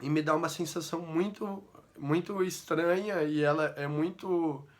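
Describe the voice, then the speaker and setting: Man, young adult, Brazilian accent, slightly high voice, earnest, halting, vlog talk. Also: fairly even intonation. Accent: Brazilian Portuguese. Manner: earnest, halting, repeats phrases and tag questions. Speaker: vlogger.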